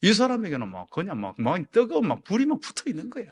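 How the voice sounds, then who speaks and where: A male pastor preaching a sermon, moving from hushed, near-whispered lines to loud, ringing exhortations, and acting out the people in his stories. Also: sits high, quick pace, husky. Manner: acts out quoted people in raised, excited voices. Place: church sanctuary.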